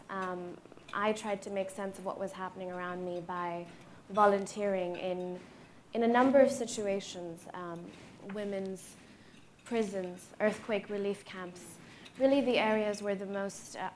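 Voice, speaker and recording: A young woman from Pakistan speaks as a guest on a panel stage. Her voice sits at an ordinary middle pitch, and she talks in an earnest, measured way with plenty of soft fillers. A faint hum of room noise sits beneath her.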